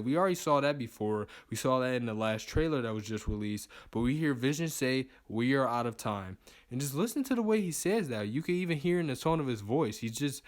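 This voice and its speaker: Casual rambling movie news vlogger, man. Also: mid-range voice. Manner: rambling, repeats words and fillers. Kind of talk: casual video commentary.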